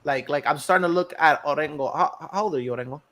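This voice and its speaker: A man in his thirties co-hosting a podcast, ranting in a profane, animated casual chat. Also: a little high, quick pace. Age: 30s. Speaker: podcast co-host.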